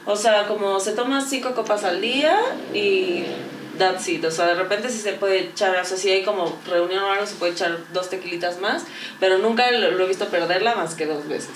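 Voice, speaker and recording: A woman's voice: medium pitch, moderate pace, distant mic, background noise. A woman in her thirties with a Mexican accent, telling personal stories in a candid, slangy casual conversation with plenty of swearing. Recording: echoey room, voice a bit off-mic.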